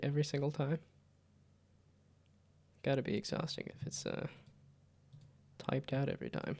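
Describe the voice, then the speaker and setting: A man chatting casually as he hosts a game livestream, rambling and often trailing off mid-thought. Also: mid-range voice. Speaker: livestreamer host. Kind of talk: casual livestream chat while playing games.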